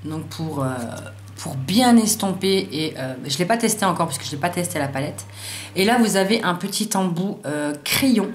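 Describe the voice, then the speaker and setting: A woman doing a casual makeup haul video, talking in slangy, excitable bursts and swearing freely as she tests colours and trips over English names. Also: fairly low pitch, normal speed, faint music behind. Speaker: beauty vlogger. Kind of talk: casual haul review with swatches. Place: sunny room at home. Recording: roomy echo, faint background hiss.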